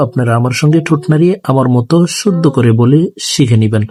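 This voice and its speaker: A man gives a slow, gentle Quran reading lesson, pronouncing each letter again and again so viewers can repeat after him. His pitch is medium and the recording is dry.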